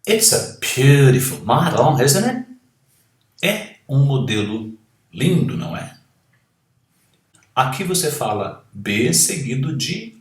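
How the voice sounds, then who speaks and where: A Portuguese-speaking man teaching English, slowly modelling the pronunciation of words and phrases. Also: on the low side. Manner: slow, careful, drawn-out model pronunciations. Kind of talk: language lesson. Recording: echoey room.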